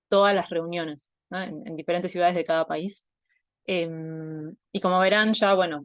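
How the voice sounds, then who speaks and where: Low-voiced Argentine woman thinking aloud. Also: no room sound, clean studio sound. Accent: Argentine Spanish. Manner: thinking aloud, many fillers and restarts. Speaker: anthropologist giving a talk. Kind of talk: online talk presentation. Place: home, Buenos Aires.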